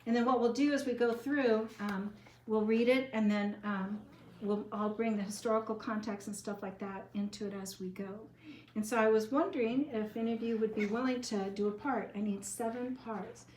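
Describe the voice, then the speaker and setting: A woman's voice: on the high side, steady tone, normal speed, darkish tone. A woman leading a Bible class, giving casual, loosely worded instructions and rephrasing as she goes. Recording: roomy echo with faint room noise.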